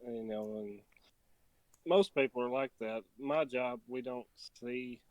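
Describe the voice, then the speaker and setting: A man with an ordinary mid-range voice talks in a relaxed interview. His delivery rambles and restarts often, and the recording is dry and close. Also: mid-range voice, takes it slowly, no echo, poor audio. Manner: easygoing, rambling, with many restarts and fillers. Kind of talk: casual interview chat.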